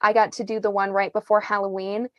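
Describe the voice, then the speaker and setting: A woman's voice: mid-range voice, flat delivery, fast talker, no echo, dull audio. A woman in her twenties, a journalist guest on a podcast, telling her story in a chatty, reflective way with many fillers and restarts. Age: 20s. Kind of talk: casual podcast interview.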